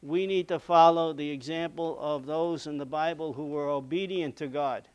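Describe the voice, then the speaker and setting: A man's voice: fairly high pitch, steady tone, moderate pace, darkish tone. A man preaching a sermon in an earnest, conversational way, often checking in with "okay?", and saying he is losing his voice.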